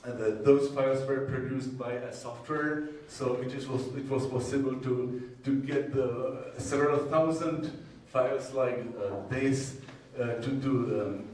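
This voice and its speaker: A man with a Czech accent presents technical material at a conference, heard from a distance in a very echoey room. He talks slowly and hesitantly at a medium pitch, breaking his phrases with many pauses. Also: fairly even intonation, a little mellow. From Czech Republic. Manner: hesitant, halting delivery with frequent long pauses. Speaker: conference presenter, university groundwater modeler. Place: indoor presentation room with strong echo. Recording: echoey hall, distant mic, faint noise.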